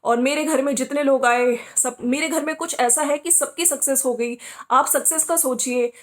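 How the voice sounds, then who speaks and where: A woman's voice: high-pitched, normal speed. A woman hosting a podcast who comments on social media gossip, scolding the people she talks about directly and asking them rhetorical questions. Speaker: podcast host.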